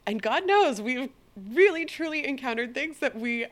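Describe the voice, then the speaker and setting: A young woman co-hosting a podcast, playful and excitable, laughing often. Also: high voice, normal speed. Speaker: podcast co-host. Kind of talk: casual chat.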